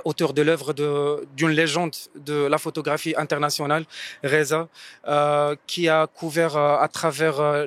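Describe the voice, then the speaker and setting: A man speaking for a museum in a halting interview statement with frequent fillers and restarts. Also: fairly high pitch, a bit bright.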